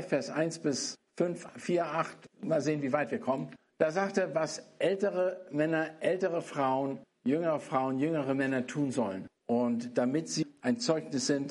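A man's voice: fairly high pitch, a little mellow, slightly rough. A middle-aged man preaching a sermon on a Bible passage, earnest and repeating phrases for emphasis.

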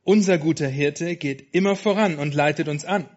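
A man's voice: a little high, moderate pace, natural voice. A man voicing a cheerful, reassuring female sheep who encourages her friend in a storybook reading. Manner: encouraging, warm. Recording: dull lo-fi sound.

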